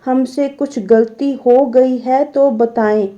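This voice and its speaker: A woman voicing a gentle, worried young daughter-in-law who pleads politely, on a dull lo-fi recording. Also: high-pitched, steady tone, takes it slowly. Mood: pleading.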